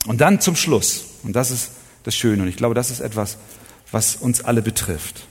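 A man delivers a sermon in a husky, somewhat breathy voice of ordinary pitch. He speaks earnestly, poses rhetorical questions and draws out key phrases slowly. His words ring on in the long reverb of a large hall. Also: lively intonation. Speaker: preacher.

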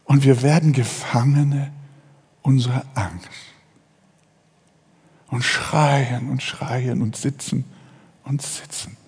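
A man's voice: fairly even intonation, slow pace, pauses often, darkish tone, husky. A man preaching a sermon in a dramatic manner, acting out the people in his story. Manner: dramatic, acts out biblical figures with rising pitch. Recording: long hall reverb.

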